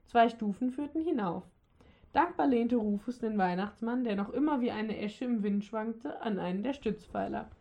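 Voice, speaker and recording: A woman narrating a humorous Christmas story aloud, lively, with the odd slip and restart. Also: fairly high pitch, normal speed, highs cut off. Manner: lively reading with occasional slips and restarts. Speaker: audiobook narrator.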